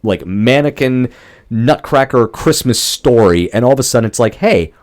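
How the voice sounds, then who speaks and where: A man's voice: medium pitch, expressive, normal speed, a little mellow. A young man co-hosting a casual podcast movie review, ranting in exasperation and swearing freely. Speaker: podcast co-host.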